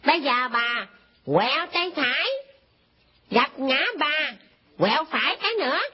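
An actress playing a sharp-tongued little village boy who talks back. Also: high voice, expressive, measured pace. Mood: cheeky. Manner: talks back, smart-alecky. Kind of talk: comedy skit acting. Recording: dull lo-fi recording.

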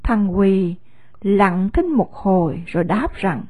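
A woman with a Southern Vietnamese accent reads a story aloud with a lively, rising-and-falling delivery. Her voice is dark and husky, recorded dry and close with no room around it. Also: mid-range voice, slow, dry recording. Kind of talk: scripted story narration.

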